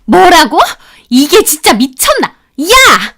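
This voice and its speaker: A woman voicing a domineering, contemptuous older sister-in-law in a storytelling narration, shouting and sneering. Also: very high-pitched, very animated, slow, pitched above the performer's own voice, exaggerated voice. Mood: outraged.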